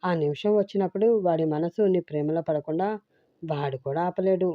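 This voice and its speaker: A woman's voice: fairly low pitch, normal speed, no room sound, close to an everyday voice. A woman voicing a kind middle-aged mother-in-law who comforts her daughter-in-law, in a dull, dry recording. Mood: soothing. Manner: gentle, reassuring.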